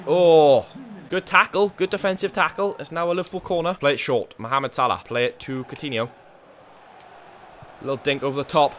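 A man giving excitable commentary on a football video game, groaning and swearing at misses. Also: medium pitch, a little hiss or hum. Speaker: gaming YouTuber.

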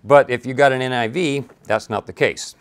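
A man leading a Bible study, reading passages aloud and breaking off to explain them. His pitch sits in an ordinary middle range. He talks casually, with restarts and quick asides between verses. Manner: conversational, reads scripture aloud with frequent restarts and asides. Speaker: Bible teacher.

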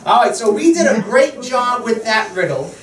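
A man's voice: extremely high pitch, sing-song, moderate pace, crowd noise. A man in his thirties doing playful, teasing kids' party magician patter and encouraging his helpers in a school classroom. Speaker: magician and presenter. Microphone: distant camera. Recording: echoey, distant, noisy room.

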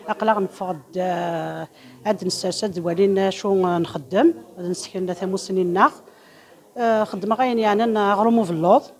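A woman in her fifties presents her traditional crafts briskly and repetitively in an indoor room. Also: medium pitch. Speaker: craft exhibitor.

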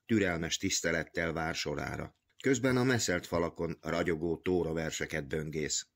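A man reading a literary novel aloud as an audiobook, with measured, even storytelling. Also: very deep voice, creaky. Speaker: audiobook reader.

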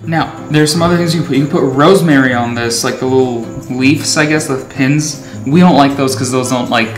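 A man's voice: medium pitch, brisk. Young man chatting while cooking. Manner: relaxed, chatty, laughs often. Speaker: home cook host. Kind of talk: casual cooking demo. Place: large home kitchen. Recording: roomy kitchen with background music.

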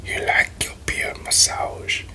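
A young man doing a playful, teasing whispered role-play for ASMR, breathy and close to the mic, with tingly wet mouth sounds. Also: pushed and bright. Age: young adult. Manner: playful, teasing, slow murmured repetitions. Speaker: ASMR video creator. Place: small bedroom, indoors. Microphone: close desk microphone in front of him.

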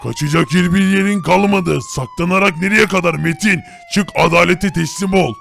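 A man doing a gravelly stern police officer. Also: sits high, moderate pace, a bit bright, exaggerated voice. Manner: commanding, formal. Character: stern male police officer making an arrest.

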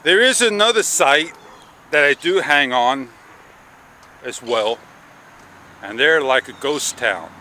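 A man in his forties records a casual walk-and-talk vlog on a sunny garden patio and paths, using a small wireless clip-on mic that picks up a little hiss or hum. His medium-pitched voice is pushed and bright with lively intonation, yet he rambles slowly and haltingly with frustration, leaving long pauses.

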